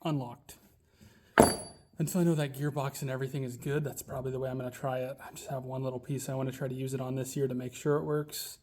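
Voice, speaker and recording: A man's voice: mid-range voice, little pitch movement, fast talker, mellow, a little hiss or hum. A man giving a casual, folksy repair vlog, thinking aloud as he works. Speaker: vlogger repairing farm machinery.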